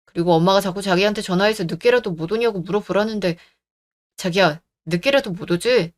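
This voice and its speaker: A voice actor playing a young husband in a radio drama, caught between his wife and his mother and trying to smooth things over. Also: high-pitched, fairly quick, lightly acted. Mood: anxious. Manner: soft, placating.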